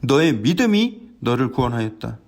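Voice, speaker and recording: A man voicing Jesus in a calm, solemn, gentle tone. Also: mid-range voice, moderate pace.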